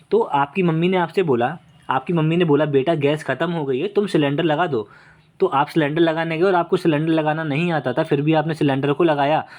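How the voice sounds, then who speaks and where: Brief: young male tutor, somewhat high voice, repetitive coaching lesson delivery. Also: a little mellow. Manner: repetitive, checks in with "okay" and "right". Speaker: vocabulary teacher.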